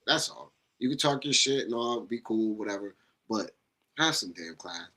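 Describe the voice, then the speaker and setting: Young dude on a sports podcast, bright forceful voice, low-ish, talks trash and swears a lot. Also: male voice, expressive, normal speed, poor audio. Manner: blunt, profane trash talk. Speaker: podcast co-host. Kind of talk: casual sports chat.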